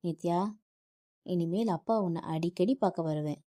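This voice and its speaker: A soft-spoken father calms his crying daughter with patient, tender words. A woman reads him in a mellow, dry audiobook voice. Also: fairly low pitch, normal speed, no room sound, lightly acted. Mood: gentle reassuring. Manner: calm, reassuring. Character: middle-aged man, gentle soothing father.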